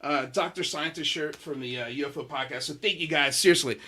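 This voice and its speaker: This is a man hosting a podcast livestream, easygoing and talkative, laughing often. His voice sits high for a man and has a bright, forward tone. He is from Miami. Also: fairly quick. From Miami, USA. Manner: laid-back, says "dude" often, laughs easily. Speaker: podcast host. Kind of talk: casual livestream chat.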